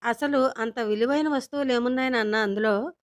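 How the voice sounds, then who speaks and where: A woman's voice: on the high side, fairly quick, close to an everyday voice. A woman voicing a curious young daughter who keeps pressing her father with wheedling questions in a storybook reading.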